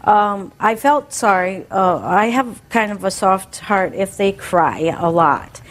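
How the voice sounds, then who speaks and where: A woman speaking earnestly and haltingly as she testifies in a television court. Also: medium pitch.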